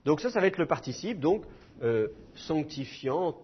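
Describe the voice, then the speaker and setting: A man's voice: fairly high pitch, sing-song, unhurried, breathy edge, muffled recording. A man teaching a class, explaining patiently and repeating key points with fillers. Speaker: Hebrew teacher. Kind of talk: classroom lecture.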